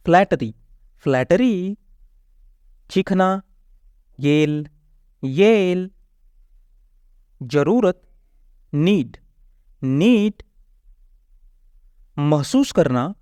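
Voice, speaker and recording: A man's voice: fairly high pitch, a little mellow, no room sound, studio quality. A man teaching vocabulary as a word-list drill. He gives each Hindi meaning and then says the English word twice.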